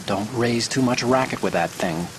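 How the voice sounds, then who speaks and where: In a video game cutscene, a man voices a nervous, worried hacker ally offering tech support over the radio, acting hesitant and anxious in a lightly performed way. His mid-range voice runs at normal speed, with music and steady rain noise in the background of the game audio.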